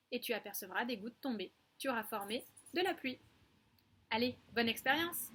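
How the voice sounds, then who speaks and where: Woman, preschool teacher, fairly high voice, slow and carefully articulated, talking straight to a young child. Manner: slow and clearly articulated, addressing a child directly. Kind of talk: recorded lesson for young children.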